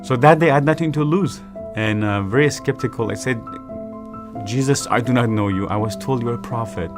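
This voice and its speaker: A man from Iran, giving a personal faith testimony as an evangelist in an earnest, measured storytelling manner. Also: medium pitch. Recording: music playing underneath. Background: background music.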